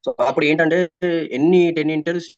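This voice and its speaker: A man giving course feedback over a video call whose audio keeps breaking up, talking haltingly and checking whether he can be heard. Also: a little high, steady tone, no echo. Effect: choppy breaking-up online call audio. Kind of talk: casual video-call chat. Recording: dull dry call audio.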